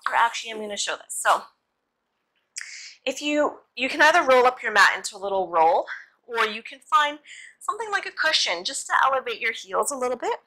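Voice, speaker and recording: Young woman, bright forward voice, casual yoga-teacher delivery, encouraging and informal, for an instructional demo. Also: fairly high pitch, big pitch swings, a little fast, poor audio.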